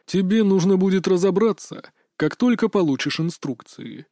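A man's voice: high-pitched, expressive, moderate pace, mellow, dry recording, studio quality. A man voicing a metallic-voiced crime boss. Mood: cold, menacing. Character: menacing male crime boss on phone. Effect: metallic, altered voice. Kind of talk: audiobook narration.

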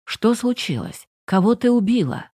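A brisk, no-nonsense woman lawyer who talks in short, clipped commands, as a female audiobook reader voices her. The tone stays warm and dark. The sound is close and dry. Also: on the high side, big pitch swings, slightly rough, no echo, pitched above the performer's own voice. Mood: curt, tense. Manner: curt, commanding, hushed.

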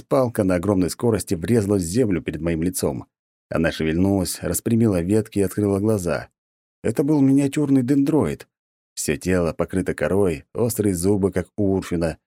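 A man reading a first-person audiobook with an expressive, animated delivery. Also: deep voice, no room sound, clean studio sound. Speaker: audiobook narrator. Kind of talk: scripted first-person narration.

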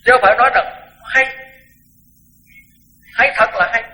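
An older monk preaches a sermon in a high, sharply bright voice. He talks frankly and bluntly, often repeating words to press a point. Soft music sits faintly behind him. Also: normal speed, rough recording. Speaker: Buddhist monk teacher. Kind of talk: dharma talk sermon.

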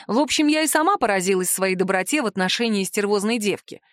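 Expressive woman narrating an audiobook. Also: mid-range voice, fast talker, no room sound, clean studio sound. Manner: lively, expressive reading. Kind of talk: first-person fantasy audiobook narration.

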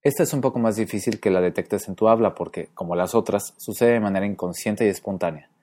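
A man teaching pronunciation in a clear, methodical way, slowing down to demonstrate sounds. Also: lowish voice, mellow. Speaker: Spanish phonetics teacher. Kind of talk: explanatory lesson narration.

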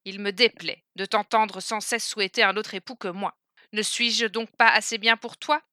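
A woman's voice: medium pitch, moderate pace, pushed and bright, no echo, clean studio sound, lightly acted. A woman playing a stern bossy beggar man. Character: stern poor male beggar, gruff and bossy.

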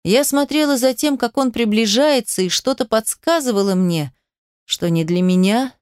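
A woman's voice: a little high, moderate pace, clear, resonant tone, dry recording, clean studio sound. Dramatic woman reading an audiobook. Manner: emotional, dramatic storytelling. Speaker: audiobook narrator. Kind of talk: first-person scripted narration.

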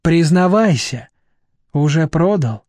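A man voicing a stern, shrewd middle-aged woman who speaks slowly and cuttingly. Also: on the high side, animated, a little mellow, dry recording. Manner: slow, cutting, steely.

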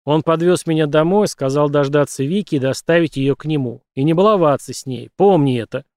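A man reading an audiobook, voicing a menacing, brutal young man who speaks loudly and bluntly. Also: on the high side, brisk, dry recording, clean studio sound, close to an everyday voice. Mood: threatening. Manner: loud, blunt and threatening.

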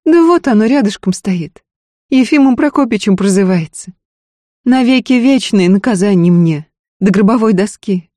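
A reader voicing a weary, sharp-tongued frontier wife in an audiobook, scolding and worried. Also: mid-range voice, lively intonation, no room sound, clean studio sound, pitched above the performer's own voice, close to an everyday voice. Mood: wry, bitter. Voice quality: scolding, quick to anger. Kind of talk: audiobook character voice.

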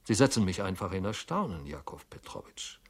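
A man voicing an anxious, self-reproaching clerk who mutters to himself, his voice swinging between loud outbursts and hushed asides. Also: on the low side, animated, normal speed. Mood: wounded politeness. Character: anxious fretful male clerk, middle-aged, self-reproaching.

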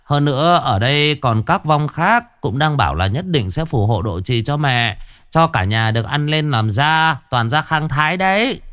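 A man playing a sly schemer who coaxes a ghost in a smooth, persuasive way. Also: a little high, animated, normal speed, a bit bright, voice pushed up. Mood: coaxing. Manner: coaxing, smooth-talking.

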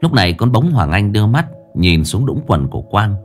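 A man's voice: on the low side, brisk, soft background music. A man narrating a horror story expressively, building suspense. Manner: expressive, rising and falling for suspense.

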